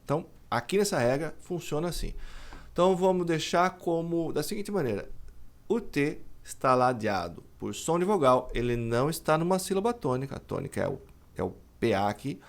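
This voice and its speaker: A man with a Brazilian accent teaches English pronunciation, slowing down and stretching words to model each sound. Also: a little high, animated, creaky. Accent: Brazilian Portuguese. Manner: explains slowly, drawing out words to model pronunciation. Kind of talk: pronunciation lesson.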